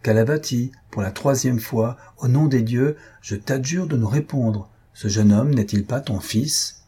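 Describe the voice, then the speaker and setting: A man voicing a stern, menacing Brahmin high priest who speaks solemnly and commandingly, in a storybook reading. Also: measured pace, mellow, breathy edge.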